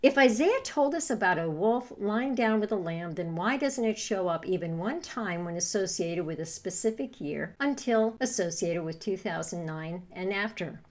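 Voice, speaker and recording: Woman narrator, animated intonation, sardonic teasing, scripted delivery. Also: mid-range voice, normal speed, few pauses. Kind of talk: scripted narration with rhetorical questions.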